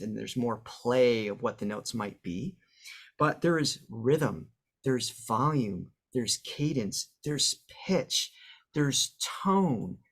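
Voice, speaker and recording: A male voice coach, appearing as a guest on an interview podcast, uses examples to explain how speech and singing work, with the occasional filler. His voice is mid-range.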